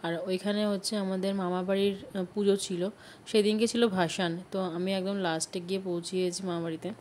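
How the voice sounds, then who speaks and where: A woman's voice: medium pitch, little pitch movement, brisk, a little mellow, slight background noise. A woman narrating her vlog in a chatty way, explaining who each family member is. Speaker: vlogger.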